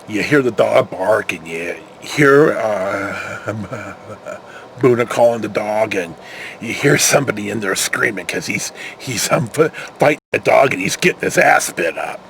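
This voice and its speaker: Fairly low and a bit bright, with vocal fry and an unhurried delivery, this voice belongs to an older American storyteller who once worked security patrol. He spins loose, wandering anecdotes full of salty language and acted-out dialogue, and there's slight background noise.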